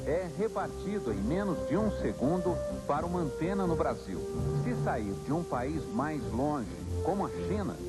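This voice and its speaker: A man's voice: a little high, low-quality recording. A man with a Brazilian accent giving scripted, explanatory news narration as a presenter. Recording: loud music bed under voice. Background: loud music.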